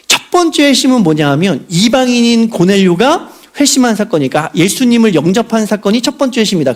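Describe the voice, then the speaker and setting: A man preaching a sermon from a church pulpit, with a strikingly high pitch. He talks to his congregation in a conversational way, asking rhetorical questions and acting out short quotes. His intonation moves a lot, rising and falling with each point. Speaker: pastor. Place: church sanctuary.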